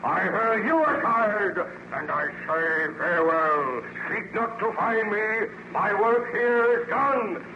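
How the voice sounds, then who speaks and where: An actor playing a vengeful, contemptuous man-made monster in an old-time radio horror serial, declaiming slowly and grandly. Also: high voice, expressive, muffled recording. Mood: raging, triumphant. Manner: slow, menacing, grandiose archaic declamation. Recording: noisy, band-limited old radio recording.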